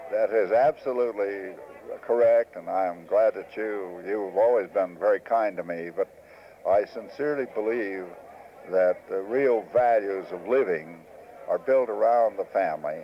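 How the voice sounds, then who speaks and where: A man in his sixties, a former farm organization leader, giving earnest, reflective answers in an interview with many hesitant pauses. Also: fairly low pitch. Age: 60s. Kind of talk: recorded interview. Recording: muffled old archive tape.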